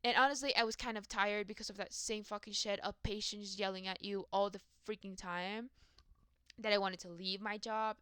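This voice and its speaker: A woman's voice: medium pitch, fairly even intonation, normal speed, fairly bright tone, clear, resonant tone, no room sound. A young adult woman in a rambling, profane, self-mocking casual rant about her work. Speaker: vlogger.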